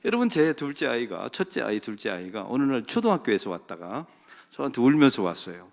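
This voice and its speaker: A middle-aged man, a senior pastor, preaching a sermon in a church sanctuary with emphatic swings from loud calls to hushed asides. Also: mid-range voice, big pitch swings, brisk, gravelly.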